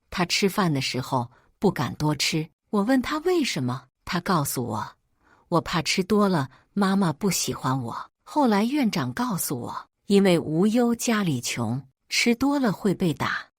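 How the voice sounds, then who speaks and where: A woman reading a first-person family drama aloud in a steady, emotional storytelling manner. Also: fairly low pitch, no room sound, clean studio sound.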